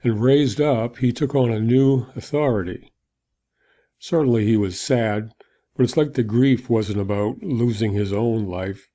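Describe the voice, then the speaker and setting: A man's voice: mid-range voice, unhurried, dark tone, close to an everyday voice. A man playing a weary Roman soldier in a dramatic monologue, telling his story in a reflective, conversational way. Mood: awed, reflective. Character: weary Roman soldier recounting an execution, awed.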